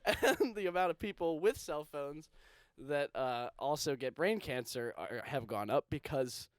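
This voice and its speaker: Young man, casual chat with friends, animated storyteller, frequent laughing and swearing, slightly high voice, dry close sound. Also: measured pace, no room sound. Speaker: podcast co-host, band member. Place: indoor room with friends at a table.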